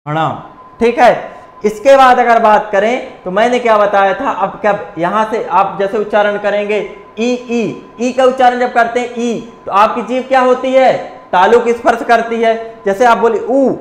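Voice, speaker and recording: A man's voice: high-pitched, reverberant. A man teaching a class, drilling students by asking questions and answering them himself. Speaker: coaching teacher. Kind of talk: classroom lecture.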